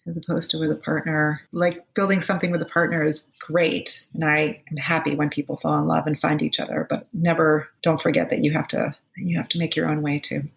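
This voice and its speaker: Guest, woman near fifty: low, gravelly, chatty, rambling with fillers. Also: little pitch movement, fairly quick, few pauses. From United States. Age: around 50. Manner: chatty, thinks aloud with many fillers. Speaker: guest author. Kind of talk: casual conversation.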